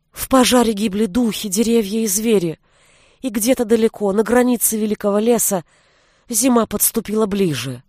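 A female audiobook narrator with a middle-pitched voice gives a measured, expressive scripted reading of a fantasy story. The recording is dry and close, with no room sound.

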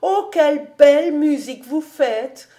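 A woman's voice: sits high, animated, unhurried, warm tone, voice pushed up. Woman doing a shy, wide-eyed young girl. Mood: admiring. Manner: raised, breathless and wondering.

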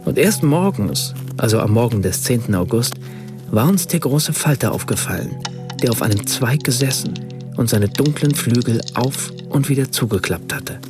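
In a radio play, an actor voices an observant, measured German writer recounting his Italian summer, narrating his memories precisely in literary, reported-speech storytelling with a tone of measured recollection. His mid-range voice is animated, at normal speed and close to everyday speech, heard over music.

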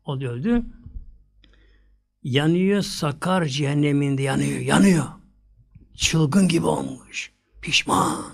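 A male preacher giving a religious sermon, reciting verses slowly and repeating his points insistently, swinging between raised lines and near-whispers. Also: on the high side, creaky, a little mellow. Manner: recites Arabic verses slowly, then explains them; repetitive, insistent preaching cadence.

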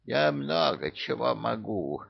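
A man voicing an ancient, enormous male demon, a wheezy, creaky old pensioner who talks slowly and plods along, in an audiobook. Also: mid-range voice, big pitch swings, no echo, lo-fi sound, pitched above the performer's own voice, heavily acted. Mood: wheezy, plodding. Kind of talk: audiobook character voice.

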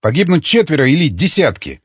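A man voicing a defensive, argumentative community loyalist with a husky voice. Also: fairly high pitch, sing-song, brisk, no echo, pitched above the performer's own voice. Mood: exasperated. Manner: hectoring, argumentative. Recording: dull lo-fi recording.

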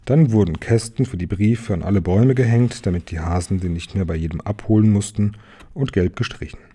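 A man reading a children's story aloud in a gentle way, adding small asides to the listener. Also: lowish voice, brisk, breathy edge. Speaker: reader of a children's book.

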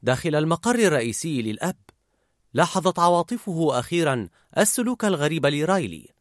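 Animated male storyteller. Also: on the high side, quick pace, no echo, studio quality. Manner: expressive, animated reading. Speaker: narrator. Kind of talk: storytelling narration.

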